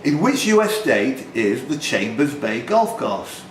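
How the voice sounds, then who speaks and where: A man with a medium-pitched, sing-song voice, speaking a little slowly, hosts a pub quiz. He reads the questions aloud with chatty, teasing, jokey asides. It's captured live in a roomy tavern quiz room with faint background noise.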